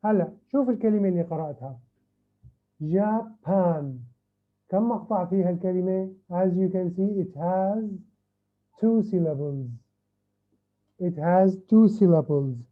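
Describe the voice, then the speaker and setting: High-voiced teacher drilling English syllables. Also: male voice. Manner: switches between Arabic and slow, drawn-out English, repeating words to drill them. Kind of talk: online class lesson. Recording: tinny phone-like audio.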